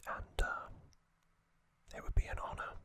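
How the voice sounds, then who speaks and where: The host of an ASMR recording, a man, whispers in a fully unvoiced, breathy voice with a bright, sibilant edge. He speaks very slowly and gently, pausing often.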